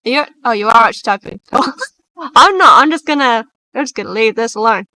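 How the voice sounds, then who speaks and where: A woman in her twenties chats bluntly and casually while reading posts aloud on a live stream. Her voice is bright and sits fairly high, and she swears without fuss. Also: expressive, brisk. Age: 20s. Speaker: stream co-host.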